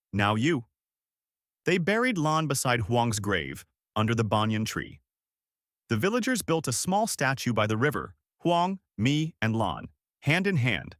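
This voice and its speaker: A man's voice: medium pitch, fairly bright tone, no room sound, studio quality. A man narrating a scripted story with a dramatic, sweeping delivery.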